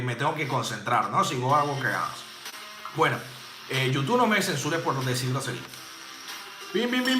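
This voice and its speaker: A man teaching drink-making live, chatty and jokey, tossing in playful sound effects and casual swearing. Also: sits high. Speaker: bartending instructor. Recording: roomy home space with music playing.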